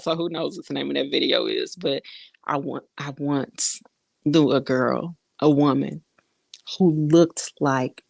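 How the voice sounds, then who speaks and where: A woman talks casually to her viewers, reading their comments aloud. Her voice sits low, and she laughs often as she chats. The sound is close and dry, with no room echo. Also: gravelly. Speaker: vlogger.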